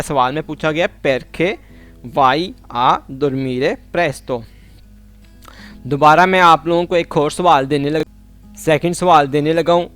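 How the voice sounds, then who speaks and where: Man w/ a higher voice, explaining vocab reeeally slow, soft music underneath. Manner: repeats phrases slowly and carefully, explains in plain terms. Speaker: language teacher. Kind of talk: slow spoken language lesson.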